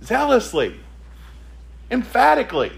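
A male preacher delivers a sermon with a high voice that leaps up and down. He leans hard on key words and keeps asking the congregation rhetorical questions. His reading of scripture flows straight into plain exhortation. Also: wildly swooping pitch, unhurried, vocal fry.

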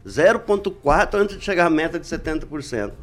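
Lively-voiced wry man. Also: a little high, quick pace, soft background music. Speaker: radio commentator. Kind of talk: casual debate.

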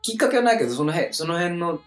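A man in his thirties co-hosting a podcast in casual chat, talking in a relaxed drawl with sudden high outbursts. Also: very fast. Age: 30s. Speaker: podcast co-host. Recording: echoey room with faint music behind.

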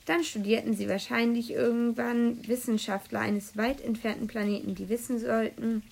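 A woman reading a children's book aloud in a lively storytelling manner, with the odd slip. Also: fairly high pitch, moderate pace, vocal fry, breathy edge. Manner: lively storytelling with occasional slips. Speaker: reader.

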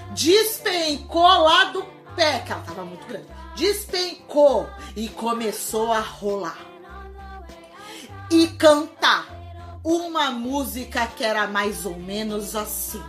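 A woman telling a children's story at home, animated and talking straight to her audience. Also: a little high, slow, faint music behind.

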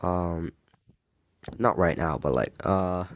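A man hosting a casual solo gaming podcast, talking haltingly while getting over a sore throat. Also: low voice. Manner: halting, hesitant delivery. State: sick, recovering from a sore throat.

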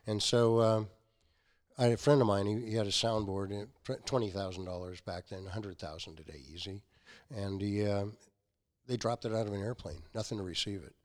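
Lowish and fairly quick, the voice belongs to a sixty-something company founder. As a guest, he tells casual stories and acts out each quote with animation.

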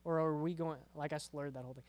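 High-voiced young-sounding pastor preaching casually. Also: male voice, fairly even intonation, fast talker, a little mellow. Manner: conversational, repeats words, frequent "right?" tag questions. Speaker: youth pastor. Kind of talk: casual youth sermon.

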